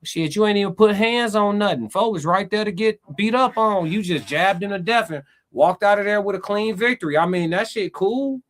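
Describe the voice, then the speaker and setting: An American man giving excited, emphatic fight commentary and casual stream chat, repeating phrases and swearing freely. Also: high voice, moderate pace, few pauses.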